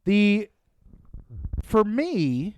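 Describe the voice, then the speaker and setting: A man's voice: high voice, big pitch swings, extremely slow, a little mellow, clean tone. A man co-hosting a casual chat show, reading a story aloud and joking between lines. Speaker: podcast host reading stories.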